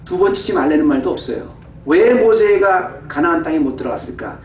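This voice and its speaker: A man preaches a sermon with a high voice, dipping to hushed asides and surging into heated, exasperated emphasis. The sound is thin and phone-like, with a roomy church echo and faint background noise. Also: expressive, a little fast. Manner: acts out quoted complaints in an exasperated voice. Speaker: pastor. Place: church sanctuary. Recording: echoey, far-off, phone-thin church recording.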